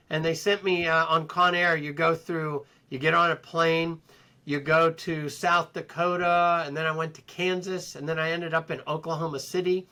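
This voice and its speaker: A middle-aged man as an interview guest, recounting his experiences in an unhurried, reflective way with frequent ums and restarts. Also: on the high side, bright, forceful tone. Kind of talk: personal storytelling in conversation.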